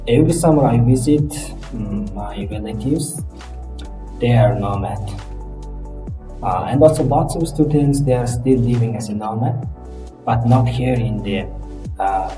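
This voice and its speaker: A man with a Mongolian accent, an English teacher answering interview questions haltingly as he searches for words. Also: fairly low pitch. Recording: echoey, distant mic, music underneath.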